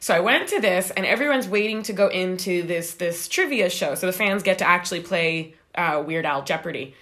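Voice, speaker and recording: Animated young woman telling a story. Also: lowish voice, brisk. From Canada. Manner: animated, rambling, acts out quoted voices. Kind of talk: casual storytelling.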